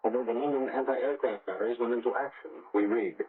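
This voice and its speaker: This is a 1940s radio correspondent, an American man, giving a scripted news report in a careful, measured manner and repeating figures for clarity. His pitch is medium, and the audio crackles through a phone-like shortwave relay from 1940.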